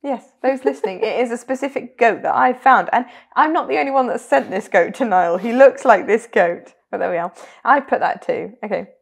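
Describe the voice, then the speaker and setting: A young woman in relaxed podcast banter, chatty and giggly, often restarting her sentences. Her fairly high voice carries a gravelly fry. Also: brisk, hardly any pauses. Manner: chatty, giggly, self-interrupting. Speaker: podcast co-host. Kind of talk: casual chat.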